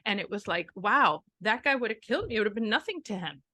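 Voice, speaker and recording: A middle-aged woman speaks in a mid-range voice, co-hosting a podcast in casual chat. She drops wry asides and quick reactions. The sound is dry and close, with no room around it. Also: medium pitch, big pitch swings, sharp tone, no room sound. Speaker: podcast co-host, mother of the other host.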